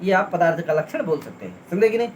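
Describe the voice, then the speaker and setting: A man's voice: high-pitched, sing-song, fast talker, slight background noise. A man teaching a class, listing terms one by one and asking his students again and again whether they understood. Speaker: Sanskrit teacher. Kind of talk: classroom lesson, explaining a text.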